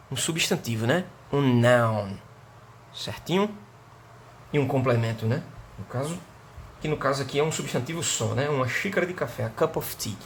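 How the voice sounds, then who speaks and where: A man from Brazil with a Northeastern Brazilian accent gives a remote lesson in a fairly high voice. He explains step by step and keeps checking in with the class. Faint noise hums behind him. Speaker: English teacher.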